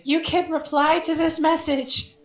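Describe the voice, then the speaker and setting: A woman's voice: high-pitched, flat delivery, unhurried, dull audio, a crowd in the background, pitched above the performer's own voice. A woman voicing a cautious, anxious adventurer who urgently warns a fellow traveller over the wind. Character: cautious, anxious adventurer urging everyone to stay quiet. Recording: roomy echo, faint music.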